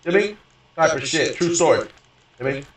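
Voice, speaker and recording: A man's voice: fairly high pitch, lively intonation, racing. Rambling man, echoey and far off. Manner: repetitive, restarts, keeps saying "you know what I mean". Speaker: gaming streamer. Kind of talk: rambling profane rant. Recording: echoey room, voice far from mic.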